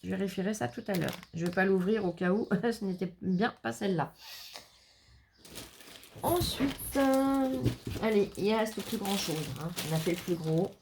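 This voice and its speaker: A woman's voice: mid-range voice, fairly quick, gravelly, hardly any pauses, a little mellow, a little hiss or hum. A woman chatting casually and rambling through a crafts haul, with self-mocking asides. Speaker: crafts vlogger.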